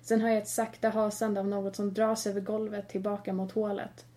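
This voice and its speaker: A woman reading a first-person horror story aloud, tense and hushed in the quiet passages. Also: mid-range voice, flat delivery. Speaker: narrator.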